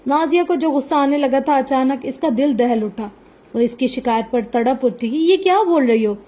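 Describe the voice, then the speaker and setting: A woman narrating a novel in a dramatic reading. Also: sits high. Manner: dramatic, even-paced reading. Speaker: novel reader.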